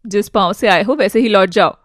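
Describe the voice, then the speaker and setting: A woman's voice: mid-range voice, brisk, no room sound, clean studio sound, voice pushed down, close to an everyday voice. A woman voicing a cruel, scornful ex-wife in an audio drama, sneering and hurling insults. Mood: mocking. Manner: sneering, abusive, shouting insults.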